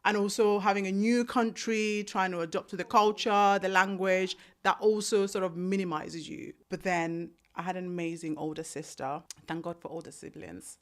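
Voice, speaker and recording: A woman in her thirties, from Kenya, telling her life story as an author in an interview, with emphatic, animated delivery and acted-out quotes. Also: medium pitch, moderate pace, hardly any pauses. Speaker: author and guest.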